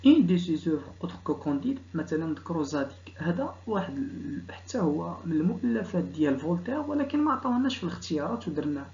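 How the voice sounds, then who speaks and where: A man with a Moroccan Arabic accent, a teacher going through exam questions. He reads each question out slowly, then explains it in quick dialect. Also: on the high side, very animated, warm tone, dull audio. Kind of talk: exam correction lesson.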